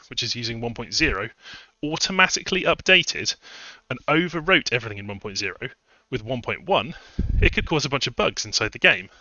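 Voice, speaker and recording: A man's voice: medium pitch, sharp tone, no room sound, lo-fi sound. A man chatting casually on a live stream, rambling through his points with fillers, a little out of breath. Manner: rambling, conversational, many fillers and restarts. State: a bit out of breath. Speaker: streamer and game modder.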